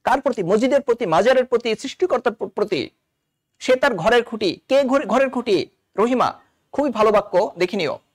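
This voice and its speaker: A man's voice: very high voice, animated, brisk, no echo, clean studio sound. A man from Bangladesh, a college literature lecturer, explaining a novel line by line and quoting its characters in dialect.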